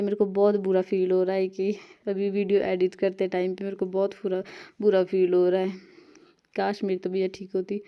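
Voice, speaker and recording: A woman's voice: mid-range voice, clear, resonant tone, muffled recording. A young woman from Himachal, rambling chattily through a casual vlog voice-over. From Himachal Pradesh, India. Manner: rambling, chatty, self-correcting. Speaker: vlogger. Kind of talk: casual voice-over narration while editing.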